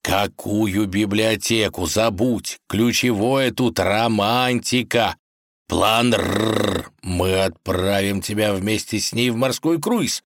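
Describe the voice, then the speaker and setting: A man's voice: fairly low pitch, slow, no room sound, clean studio sound. A man voicing a cunning, self-important male wolf who speaks slyly and commandingly in a fairy tale. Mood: scheming. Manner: sly, commanding, self-assured.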